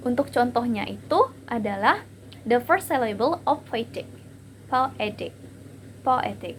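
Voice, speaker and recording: A woman's voice: on the high side, slight background noise. A young woman giving a class presentation on word stress, hesitating with fillers and repeating each example word.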